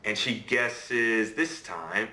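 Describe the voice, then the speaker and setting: A man's voice: lowish voice, drawn-out words, sharp tone, echoey room, exaggerated voice. A man in a game telling a fairy tale aloud to a child, playful and checking in with the listener as he goes. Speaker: storyteller to a child.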